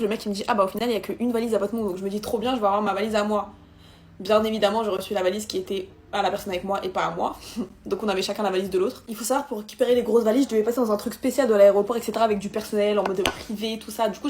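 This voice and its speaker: A young woman telling an exasperated storytime vlog, acting out the dialogue in an animated way. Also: on the high side, slight background noise. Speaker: vlogger.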